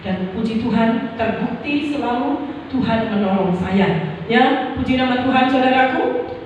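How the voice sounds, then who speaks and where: Older woman pastor, animated sermon delivery, distant mic, big echoey hall. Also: a little high, unhurried, muffled recording, a little hiss or hum. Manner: addresses the congregation as saudara, acts out pleading prayers. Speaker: preacher. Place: church hall. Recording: echoey church hall from far off.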